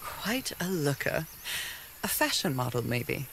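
A woman's voice: sits low, sing-song, measured pace, a bit bright, a little hiss or hum, heavily acted. An actress playing a curious 1930s woman explorer in a video game, musing to herself in a thoughtful, wry way. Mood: wry, pondering. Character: Norah, curious 1930s woman exploring an island for her husband. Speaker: game protagonist narrator. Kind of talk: scripted musing monologue. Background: background music.

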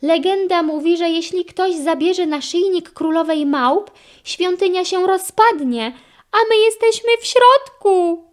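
A woman's voice: sits high, animated, slow pace, full character voice. A woman voicing a nervous young boy who fears old legends, speaking in anxious, urgent warnings, for a children's audiobook. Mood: alarmed.

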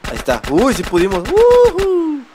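A man with a Mexican accent doing excited, swearing gameplay commentary as a gaming host. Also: a little high, normal speed, background noise. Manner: excitable, swearing, mock-shouting at the game.

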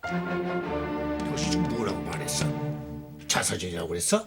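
A man's voice: mid-range voice, big pitch swings, moderate pace, over loud music. A man playing a blustery, impulsive middle-aged husband and boss in a Korean TV family drama, speaking brusquely and emphatically. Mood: excited.

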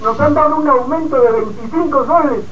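High-voiced 85-year-old male radio caller over a phone. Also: a bit bright, soft background music. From Peru. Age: 80s. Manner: indignant, halting, repeats words. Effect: caller heard over a phone line. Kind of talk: call-in opinion on a talk radio show. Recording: muffled distant phone line with hiss.

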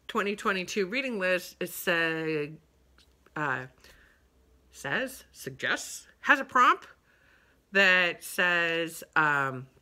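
Speaking with a fairly low, pushed, bright voice, a fiftysomething book vlogger rambles casually about her recent reads, full of ums and uhs. A webcam at desk distance in her living room captures it.

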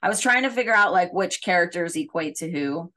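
A woman's voice: fairly low pitch, animated, fairly quick, sharp tone. A woman hosting a podcast in casual discussion, chatty and full of fillers. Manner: chatty, uses many fillers. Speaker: podcast host.

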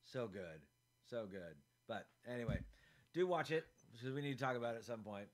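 A man's voice: mid-range voice, animated, brisk. A man co-hosting a podcast, chatting with enthusiasm and friendly arguing. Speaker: podcast co-host. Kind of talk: casual chat.

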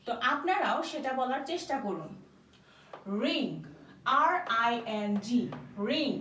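A woman's voice: high voice, a bit bright. A woman teaching an English vocabulary lesson, spelling each word letter by letter and then giving its meaning. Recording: echoey room, voice a bit far from the mic, faint background noise.

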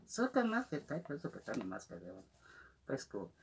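A man speaking through a gas mask, excitably unboxing and commenting in casual. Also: mid-range voice, normal speed, vocal fry. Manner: excitable, swears and exclaims often. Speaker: unboxing vlogger. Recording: noisy home recording.

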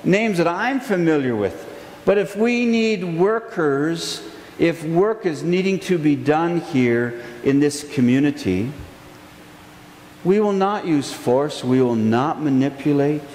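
Slow, earnest male pastor in an echoey church. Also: a little high, expressive, darkish tone. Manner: earnest, gestures a lot, slow emphatic phrases. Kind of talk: sermon. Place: church sanctuary, indoors. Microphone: pulpit mic, far camera. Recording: echoey sanctuary with long reverb, faint hiss.

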